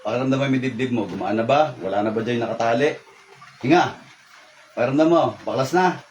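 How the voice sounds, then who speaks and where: A man leading a faith healing session, reciting rapid Latin prayers and giving short, repeated commands. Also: mid-range voice, darkish tone, slight background noise, low-quality recording. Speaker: faith healer.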